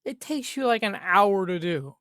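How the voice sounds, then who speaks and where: A man's voice: high-pitched, lively intonation, normal speed, a bit bright, dry recording, studio quality. A man delivering an unscripted, exasperated gaming rant, grumbling and swearing, with emphatic repetition and rhetorical questions. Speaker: gaming commentator. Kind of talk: unscripted rant about a video game.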